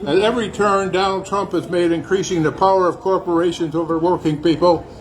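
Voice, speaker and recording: A man's voice: high-pitched, fairly even intonation, brisk, rough recording. A man giving a political speech at an outdoor protest rally, earnest, with some hesitations. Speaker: rally speaker.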